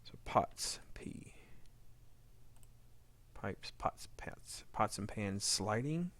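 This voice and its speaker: In an extremely slow, lowish, fairly bright and animated voice, a fan audio drama sound editor narrates a casual editing demo recorded from his screen. As he works he keeps muttering file labels to himself, and faint background noise and clicking can be heard.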